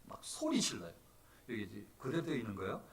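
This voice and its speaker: A man preaching a sermon as pastor, animated, moving from soft talk to loud cries. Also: on the low side, fast, far from the mic. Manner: animated, swings from soft to shouting. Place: church sanctuary.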